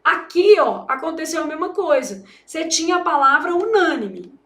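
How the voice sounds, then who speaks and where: Chatty high-voiced woman teaching grammar. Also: very animated, moderate pace, a bit bright, echoey room. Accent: Brazilian Portuguese. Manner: chatty, jokey, addresses students as "gente". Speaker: Portuguese teacher for exam prep. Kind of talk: lively classroom lesson.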